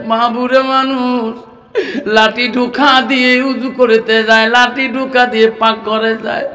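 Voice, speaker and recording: A man's voice: very high-pitched, bright, forceful tone, in a large hall. A male preacher telling a sermon story in a half-sung, tearful chant and acting out each figure in it.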